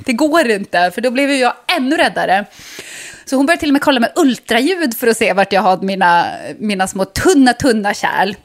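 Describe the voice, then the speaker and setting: Animated young woman telling a story. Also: fairly high pitch. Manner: animated storytelling, acts out quotes. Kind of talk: casual chat.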